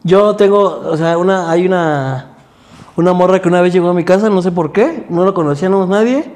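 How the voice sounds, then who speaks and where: A man with a Mexican accent in a casual chat, easygoing and quick to chime in while others talk. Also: high-pitched, a little mellow. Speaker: podcast co-host.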